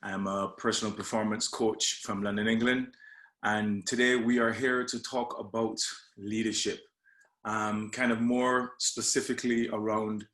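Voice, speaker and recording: A man's voice: on the low side, little pitch movement, unhurried, a bit bright, echoey room. A man from Barbados, a coach giving a friendly leadership presentation with slides, often hesitating with fillers and restarts.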